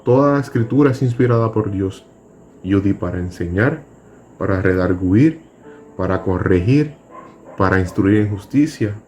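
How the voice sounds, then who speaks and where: A man leads a Bible school lesson at a slow, unhurried pace. His voice sits in an ordinary middle pitch. He reads scripture with care and explains it plainly, with faint music playing behind him. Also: darkish tone. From Puerto Rico. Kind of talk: Bible class teaching.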